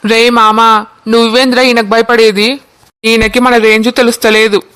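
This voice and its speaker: A man's voice: very high-pitched, flat delivery, moderate pace, bright, forceful tone, clear, resonant tone. A voice artist voicing a brash, boastful young man in a cartoon. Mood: cocky. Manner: boastful, cheeky.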